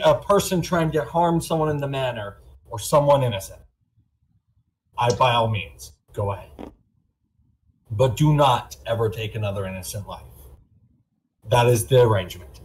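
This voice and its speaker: A man playing a blunt, bossy manor owner in a tabletop game, informal and halting but firm. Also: mid-range voice, animated, a little mellow, voice pushed down, lightly acted, rough recording.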